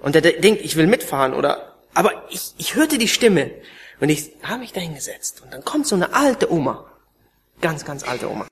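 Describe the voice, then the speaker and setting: A man preaching a sermon and telling his own story, emotional, swinging between raised pleading and hushed, almost whispered passages. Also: fairly high pitch, sing-song, normal speed. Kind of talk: sermon testimony.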